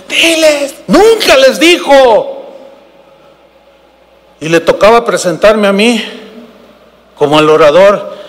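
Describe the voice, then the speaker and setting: An older Mexican pastor preaching in a raised, high-pitched voice. He is emphatic, repeats his phrases and keeps calling the congregation brothers. His words ring out with the long reverb of a large hall. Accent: Mexican Spanish. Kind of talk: sermon with storytelling.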